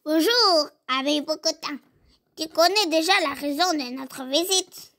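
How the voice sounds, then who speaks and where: A woman voicing a wise, helpful sheep who calmly explains things to the cubs. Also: high-pitched, unhurried, pitched above the performer's own voice, heavily acted.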